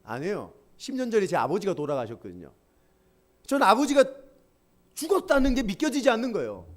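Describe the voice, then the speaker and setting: Lively, high-voiced preacher. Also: male voice, a little fast. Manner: animated, humorous, call-and-response preaching. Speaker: pastor. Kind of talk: sermon.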